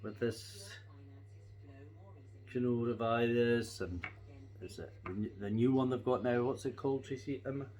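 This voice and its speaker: A man's voice: mid-range voice, fairly even intonation, a little slow, pauses often, darkish tone, poor audio. A middle-aged or older Scottish man chatting casually to camera, reminiscing in a rambling, folksy and reflective way. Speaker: pipe-smoking vlogger.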